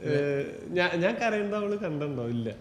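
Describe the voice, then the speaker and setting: A man with a Malayali accent recalling memories haltingly in a casual group chat. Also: sits high, expressive. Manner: halting, self-correcting recollection. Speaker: comedy podcast panelist. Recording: echoey room, long reverb, faint noise.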